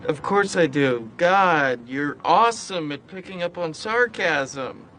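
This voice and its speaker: An actor playing a deadpan, sarcastic young man in his twenties who mocks his father. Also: fairly high pitch, slow, a little hiss or hum. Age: 20s. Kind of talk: sitcom acting. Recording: faint music under the dialogue.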